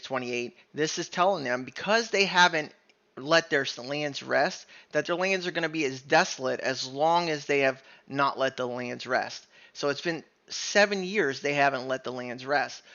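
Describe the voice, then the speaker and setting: A man's voice: mid-range voice, normal speed, sharp tone, dull audio. A man giving an informal, earnest bible teaching in a conversational way, often checking in with "right?" and correcting himself as he goes.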